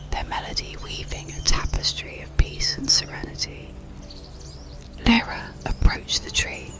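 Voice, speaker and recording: An audiobook narrator reads an ASMR bedtime story in a calm, breathy whisper, soothing and unhurried throughout.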